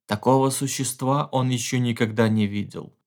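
A man reading a horror story aloud, with measured, tense storytelling and hushed pauses. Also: medium pitch, fairly even intonation. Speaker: audiobook reader. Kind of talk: dramatic horror narration.

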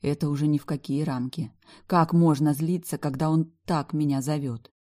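A woman narrating a first-person romance novel, wry and emotional in her telling. Her voice is low and dark, mellow in tone. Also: steady tone, moderate pace. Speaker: audiobook narrator.

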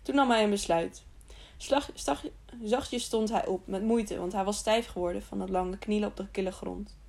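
A woman's voice: medium pitch, fairly even intonation, normal speed, creaky, darkish tone. A woman narrating an audiobook of a children's novel, reading steadily with occasional slips and restarts.

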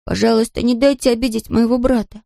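A woman's voice: high voice, steady tone, fast, vocal fry, a little mellow, dry recording, studio quality, voice pushed up. A woman voicing a timid, fretful young male fox in a storybook reading. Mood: pleading. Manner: fretful, pleading.

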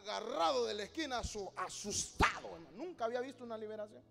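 High-voiced preacher in a reverberant hall. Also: male voice, animated, fast talker, creaky, faint music behind. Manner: storytelling, rising to loud exhortation. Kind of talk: sermon.

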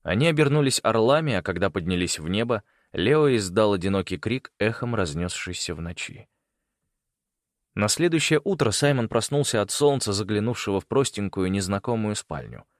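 A man narrates an audiobook in a low, expressive voice with a lively rise and fall. The recording is dry and close. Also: moderate pace, dry recording. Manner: expressive, voicing characters. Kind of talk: scripted narration.

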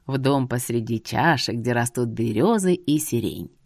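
A woman voicing a sly, teasing old male seer with a long beard who drawls slowly. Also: very deep voice, lively intonation, a little mellow, dry recording, studio quality, voice pushed down, full character voice. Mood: knowing.

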